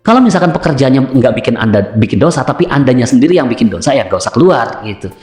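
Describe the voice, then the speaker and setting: A man's voice: medium pitch, very animated, fast, darkish tone, faint music behind. Echoey preaching man answering questions. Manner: repetitive preaching cadence, rhetorical questions. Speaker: host answering viewer questions. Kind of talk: religious self-help talk.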